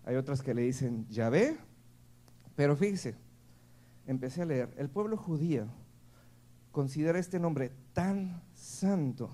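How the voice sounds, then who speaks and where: A man's voice: on the high side, animated, measured pace, pauses often, warm tone. A man with a Mexican accent preaching a sermon at a church service, speaking conversationally and checking in with the congregation again and again. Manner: playful, laughs between points. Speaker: pastor.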